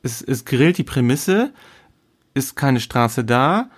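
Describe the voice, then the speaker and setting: A man co-hosting a casual podcast chat, explaining slowly with many fillers and restarts. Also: medium pitch, very animated. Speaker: podcast co-host.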